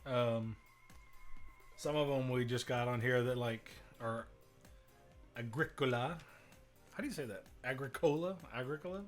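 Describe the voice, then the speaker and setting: Strikingly low-pitched woman, relaxed stream host, friendly to chat. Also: a little slow, long pauses, soft background music. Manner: easygoing and laughing, talks to the chat. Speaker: co-host of a board game stream. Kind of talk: casual chat.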